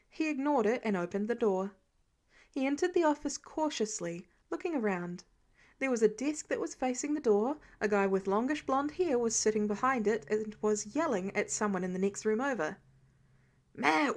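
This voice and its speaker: A woman with a fairly high voice reads fan fiction aloud from a script at a moderate pace. She tells the story expressively, in the manner of a podfic reader.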